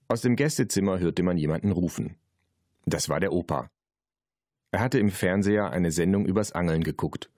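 Ein Mann liest ein Kinderhörbuch vor, lebendig erzählend und trocken pointiert. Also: male voice, sits low, moderate pace, darkish tone, no room sound, studio quality. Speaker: Hörbuchsprecher. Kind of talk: Hörbuchlesung.

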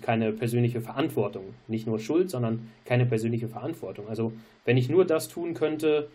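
A man's voice: medium pitch, darkish tone. A man co-hosting a podcast, explaining theology in an earnest way and repeating his key phrases. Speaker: podcast co-host. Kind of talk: theological discussion.

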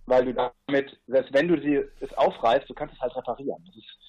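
A man's voice: mid-range voice, steady tone, brisk, darkish tone, breathy edge, dull audio. A man as a podcast guest, explaining his trip in a rambling way with asides and fillers. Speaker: guest, paddler on a long river trip. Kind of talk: casual podcast interview.

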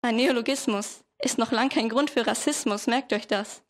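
A woman's voice: a little high, normal speed, lightly acted. A teenage woman voicing the male chieftain of the new words, dignified and reproachful. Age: teens.

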